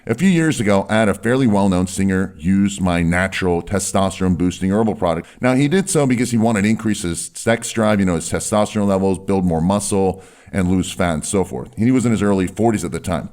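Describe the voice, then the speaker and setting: Male presenter, deep and firm voice, emphatic instructional delivery with stretched key words. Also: a little fast, a little mellow. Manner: emphatic, stretches key words, often tags sentences with "right". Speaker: presenter giving voice and health advice. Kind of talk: instructional talk to camera or listener, salesy explainer.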